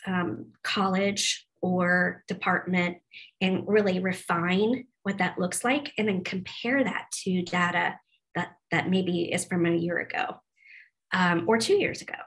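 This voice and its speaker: A web development presenter in her forties gives a staff training on a video call, captured in low quality by her laptop microphone. She speaks a little slowly, in a voice on the low side with a bit of brightness. Her delivery is chatty, dotted with ums and restarts.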